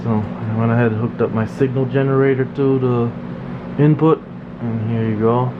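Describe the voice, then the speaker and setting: A repair technician speaks at a medium pitch and normal speed, casually demonstrating something in a plain, informal way. He's in an indoor electronics workshop, and the recording sounds slightly dull, with a steady room hum in the background.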